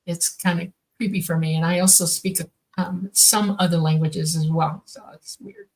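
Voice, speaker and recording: This podcast co-host, a contactee in her sixties who first spoke Swedish, wanders through her thoughts with lots of fillers and restarts. Born on a military base, she grew up all over. Her lowish, slightly mellow voice moves at a moderate pace with fairly even intonation, and the recording quality is low.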